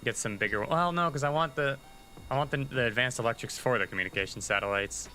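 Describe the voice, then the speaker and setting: Bright-voiced man chatting through a game. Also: medium pitch, fast talker, a little hiss or hum, low-quality recording. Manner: chatty, thinking aloud, muttering asides to himself. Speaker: livestreaming gamer. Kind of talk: casual gameplay commentary.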